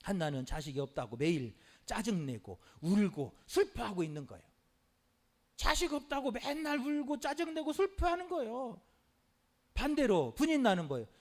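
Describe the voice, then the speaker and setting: A middle-aged male pastor preaching a sermon in an animated way, with frequent hallelujahs and rhetorical questions to the congregation. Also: high-pitched, moderate pace.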